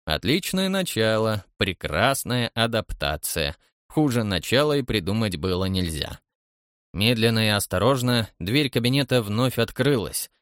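Lively male audiobook narrator. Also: fairly low pitch, dry recording, studio quality. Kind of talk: expressive audiobook reading.

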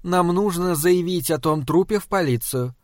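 An anxious, devoted wife who keeps coaxing her husband to slow down, voiced by a male audiobook reader. Her lines come gently and pleadingly, set in a fairly high, dry, close-miked voice. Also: no room sound, close to an everyday voice. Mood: curious. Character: worried devoted wife, middle-aged woman.

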